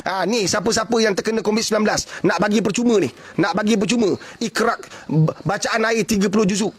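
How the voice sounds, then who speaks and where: A man with a Malaysian Malay accent preaching in a casual, animated way, with blunt folksy asides and rhetorical questions he repeats again and again. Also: sits high, quick pace, a little hiss or hum.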